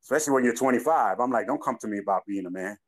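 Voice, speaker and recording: Rapid-fire and medium-pitched, the New York-accented co-host in his twenties spins stories on a casual podcast, quoting people and laughing animatedly.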